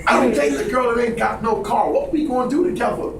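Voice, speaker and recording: A man's voice: very high-pitched, fast talker, gravelly. A man giving a blunt, profane motivational talk to a small audience and asking them to agree with him. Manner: preachy, profane, asks the room for agreement. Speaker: speaker addressing a group. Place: indoor room with a small audience. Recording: echoey noisy room from far off.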